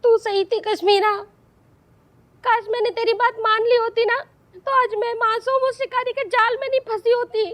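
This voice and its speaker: A jealous middle-aged woman who turns every slight into high drama. Her voice sits extremely high and shrill, and she swings between sulking and theatrical outrage in a broad sitcom manner. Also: little pitch movement, moderate pace, fairly bright tone. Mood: melodramatic. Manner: shrill, theatrical and self-pitying. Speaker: sitcom actress. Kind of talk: TV sitcom acting.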